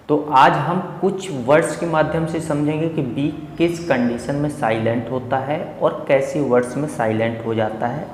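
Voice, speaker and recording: A man with an Indian accent teaching English pronunciation, repeating each word slowly so students can drill it. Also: medium pitch. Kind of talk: explanatory classroom lesson. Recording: echoey room with faint ambient noise.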